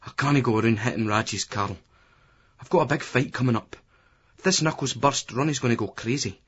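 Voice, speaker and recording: A man's voice: medium pitch, fairly quick, a bit bright, slight background noise, close to an everyday voice. A man voicing a drunk, agitated young Scottish boxer in an audiobook, sounding aggrieved, on a dull lo-fi recording. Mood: tense.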